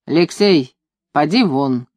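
A reader voicing a gruff, bitter old grandfather in a story, grumbling low. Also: lively intonation, takes it slowly, darkish tone, no echo. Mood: stern.

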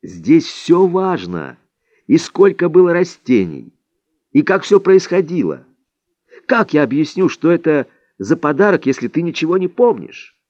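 Man doing an exasperated old male sage; raised pitch, slow emphatic delivery, wide swings. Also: lively intonation, a little mellow, dry recording, highs cut off. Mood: insistent. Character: stern old male Indian sage, scolding.

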